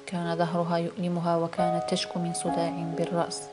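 A woman narrating a novel as an audiobook in a steady, measured reading. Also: on the low side. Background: background music.

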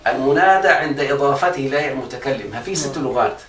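A man with an Egyptian Arabic accent gives a religious grammar lesson and keeps asking his students whether they're following along. His voice is medium in pitch, expressive and slightly bright, and he talks fast. The recording sounds echoey, with the mic far away and a little background noise.

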